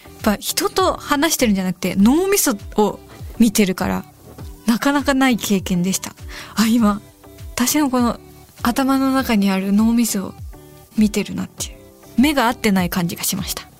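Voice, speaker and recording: A woman hosting a radio show in a studio, chatting casually about listener messages with giggles and soft whispered asides. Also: fairly high pitch, expressive, normal speed. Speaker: radio host. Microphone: studio microphone. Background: faint background music.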